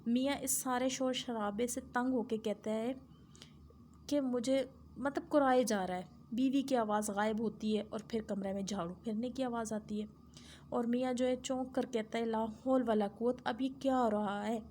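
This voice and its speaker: A woman teacher with a fairly high voice walks her class through a story, explaining as she goes and leaning on filler phrases. A faint hiss sits under her voice. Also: fairly even intonation, darkish tone. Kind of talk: lesson retelling a story.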